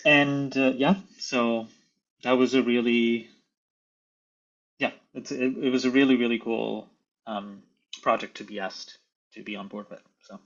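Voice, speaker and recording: A tenor from Sri Lanka, speaking in a casual conversation, thoughtful and hesitant with many restarts. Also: male voice, mid-range voice, steady tone, unhurried, pauses often, a bit bright, muffled recording. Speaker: guest tenor.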